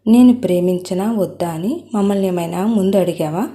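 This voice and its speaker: A woman's voice: medium pitch, fairly quick, mellow, lightly acted. A woman voicing a domineering middle-aged mother with a fierce temper, speaking firmly and bluntly. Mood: angry. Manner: firm, blunt.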